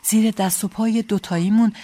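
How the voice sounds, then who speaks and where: A woman narrates a first-person story with dramatic tension in her delivery. Her voice sits at a middle pitch for a woman. It is a steady audiobook reading.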